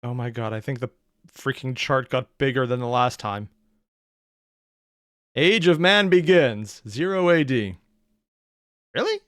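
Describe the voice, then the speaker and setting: A man hosting a reaction video, commenting casually off the cuff in halting, rambling asides. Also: medium pitch, fairly bright tone, clean tone, no room sound, clean studio sound.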